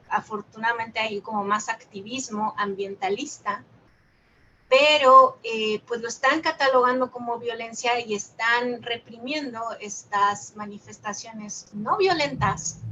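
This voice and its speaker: Mexican-accented woman, group leader, bright and a touch high, calm reflective talk, faint noise behind. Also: rough recording. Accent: Mexican Spanish. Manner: calm, reflective, asks rhetorical questions. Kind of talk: dharma talk with guided reflection.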